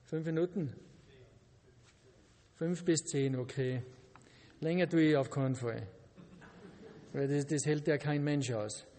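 Preacher guy giving a sermon, high-ish voice, long echo like a church hall. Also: steady tone, warm tone. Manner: deliberate, with joking asides to the audience.

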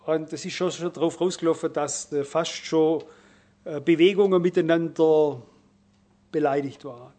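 A middle-aged man delivers a sermon in a fairly high voice. He leans hard on key words, stretching them out and getting louder, then falls back to a hushed aside. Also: fairly even intonation. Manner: emphatic, slows down and swells in volume on key words, then drops quiet. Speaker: preacher.

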